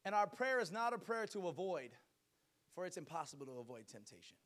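Higher-pitched man preaching an emphatic sermon. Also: big pitch swings, fairly quick, a bit bright. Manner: emphatic, exhorting, with rhetorical questions and repetition. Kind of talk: sermon to a congregation.

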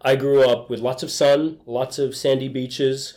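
A man's voice: medium pitch, a little slow. Australian man, enthusiastic interview guest. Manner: enthusiastic, relaxed storytelling. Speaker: guest, HR executive. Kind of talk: conversational interview.

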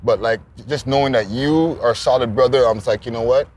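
A man's voice: medium pitch, fairly quick, a little mellow. A man hosting a casual, slangy interview. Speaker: host interviewer. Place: outdoors in a neighbourhood. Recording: faint outdoor background noise.

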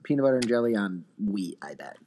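A man's voice: on the low side, very animated, fast talker, warm tone, slight background noise. A man co-hosting a podcast, teasing his friends and laughing often in casual chat. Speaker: podcast co-host.

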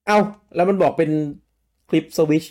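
A man's voice: a little high, steady tone, unhurried, darkish tone. A man co-hosting a casual gaming chat, reading out listener comments and laughing often. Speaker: podcast co-host.

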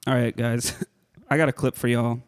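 A man's voice: mid-range voice, little pitch movement, moderate pace. A man co-hosting a comedy podcast, riffing casually and often laughing mid-line. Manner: giggly, laughs through his lines. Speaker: podcast co-host.

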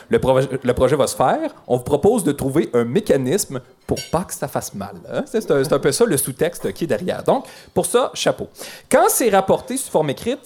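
A man with a Quebec French accent gives a humorous talk, full of ironic, playful asides. His voice sits a bit high and moves around a lot, very animated. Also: slightly rough. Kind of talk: humorous presentation to an audience.

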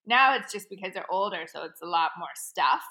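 A woman in her forties co-hosting a podcast, telling animated stories with frequent laughs. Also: fairly low pitch, fairly quick. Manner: animated storyteller, laughs often. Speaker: podcast co-host. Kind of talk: casual chat.

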